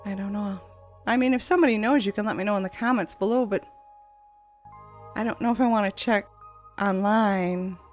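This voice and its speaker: This gaming channel host speaks at normal speed in a mid-range voice, pausing often. Her let's play commentary, voiced over game footage with game music behind it, is casual, chatty and rambling.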